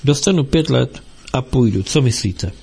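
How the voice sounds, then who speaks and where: A man's voice: expressive, vocal fry, darkish tone, a little hiss or hum. A man voicing a panicky, fawning middle-aged male prisoner who whines and pleads in a raised voice, within an audiobook reading. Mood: panicky whining. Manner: whining, high-strung and pleading.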